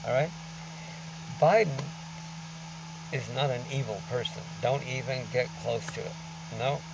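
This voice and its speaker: A man talking through a face mask in a rambling, informal monologue to camera, halting but emphatic as he lectures. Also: medium pitch, creaky, distant mic, noisy background. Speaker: vlogger. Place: outdoors on a beach.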